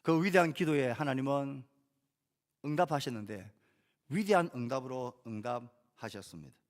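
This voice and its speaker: With a mid-range voice and lively intonation, this male pastor preaches steadily. He lifts important phrases, lets each sentence drop softly, and asks the congregation rhetorical questions.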